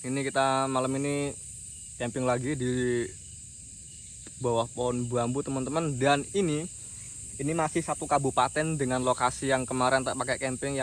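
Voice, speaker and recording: Male outdoor vlog host, medium-pitched voice, casual chat, night insects audible behind. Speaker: host of a camping horror channel. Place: outdoors at a night campsite under bamboo. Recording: clear night insect noise around voice. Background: crickets and insects.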